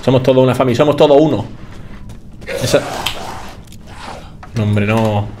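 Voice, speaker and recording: A man's voice: mid-range voice, moderate pace, darkish tone, a little hiss or hum. A man from Spain with a Spain Spanish accent, giving chatty let's play commentary to his viewers and swearing casually. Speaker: gaming YouTuber.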